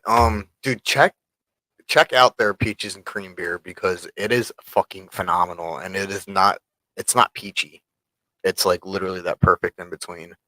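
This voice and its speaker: A man's voice: low voice, no room sound, poor audio. A man co-hosting a sports podcast, bantering casually and swearing a lot as he jokes. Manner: profane, joking, loud bursts of laughter. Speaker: podcast co-host.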